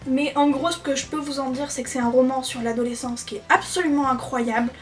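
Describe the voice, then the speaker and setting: A woman's voice: sits high, steady tone, brisk, recorded from a distance. A young woman casually recommending books on her channel, chatty and enthusiastic, with frequent fillers. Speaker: book vlogger. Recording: voice a little off-mic, faint music behind.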